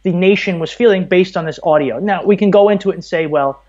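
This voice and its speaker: This guest, an American audio producer in his thirties from Brooklyn, New York, gives long explanations during a casual podcast interview. He's a fast talker with a high-sitting, slightly mellow voice, captured on slightly dull, muffled audio.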